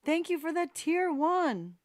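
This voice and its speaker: A woman's voice: very high-pitched, big pitch swings, slow pace, no room sound, studio quality. A woman hosting a live piano-request stream, playfully chatting and answering viewers. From United States. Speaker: live-stream pianist host. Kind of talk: casual live-stream chat.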